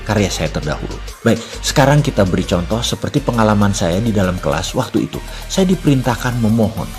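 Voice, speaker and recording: A middle-aged man earnestly telling a personal story as a motivational speaker, reflective and then animated as he questions himself. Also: lowish voice.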